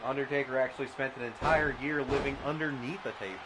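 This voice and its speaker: A man doing comedic mock wrestling commentary, deadpan and absurd, often stammering into restarts. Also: mid-range voice, fast talker. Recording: noisy background.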